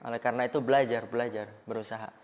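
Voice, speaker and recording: In a classroom at an Islamic boarding school, a male teacher runs through Arabic grammar casually, tossing in jokes and rhetorical questions. His mid-range voice is fairly even in intonation and comes out rapid-fire. A slight hiss or hum sits under the recording, which has a long hall reverb.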